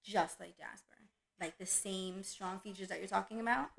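Creaky-voiced woman chatting animatedly. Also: mid-range voice, normal speed, a crowd in the background, poor audio. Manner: animated storyteller, acts out her dog's voice. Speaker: dog breeder. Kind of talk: casual chat.

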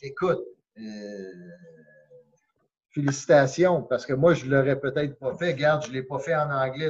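A man with a Québécois French accent, a karate instructor chatting as an interview guest in a warm, encouraging way and slipping in English phrases. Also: medium pitch, highs cut off, very noisy. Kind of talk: casual interview chat.

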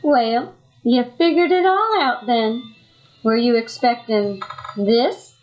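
A woman's voice: on the high side, slow, highs cut off. A woman voicing a scheming impostor wife in a parody soap opera, speaking in a melodramatic way. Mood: pleading. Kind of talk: parody radio soap acting.

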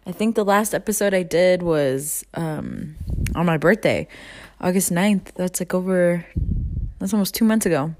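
A woman's voice: lowish voice, darkish tone. Woman in her twenties, podcast host, casual solo rant, profane, candid, frustrated.

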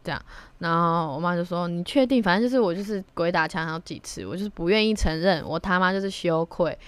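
A woman's voice: fairly low pitch, quick pace, clean tone, no echo. A young woman hosts her own solo podcast, speaking candidly and reflectively and slipping in blunt slang. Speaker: podcast host. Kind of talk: casual solo podcast monologue.

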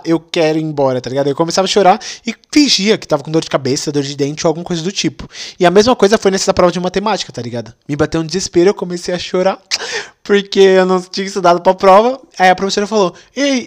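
A young man with a high-pitched voice, hosting a podcast. He tells comic stories in an animated, playful way, full of slang. He speaks into a studio mic with headphones on. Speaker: podcast host. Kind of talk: comic storytelling.

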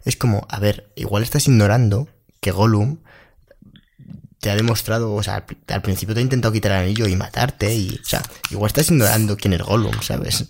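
A man co-hosting a casual podcast, rambling with restarts and animated retellings. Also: lowish voice, a little fast, gravelly, a little hiss or hum. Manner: rambling, restarts and acted-out quotes. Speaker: podcast co-host. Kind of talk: casual chat.

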